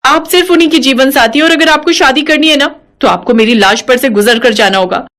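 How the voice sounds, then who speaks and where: A woman's voice: high-pitched, fairly quick, a bit bright. A woman doing a pleading, melodramatic daughter-in-law. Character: anxious young daughter-in-law, pleading, dramatic. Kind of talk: animated story voice acting.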